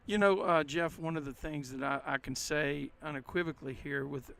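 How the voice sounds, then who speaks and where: A man commentating on a high school baseball game in a folksy, chatty way, retelling last night's game with lots of restarts, recorded outdoors with faint street noise behind him. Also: fairly quick, gravelly, smooth. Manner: folksy, animated storytelling with many restarts. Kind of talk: casual game-day commentary.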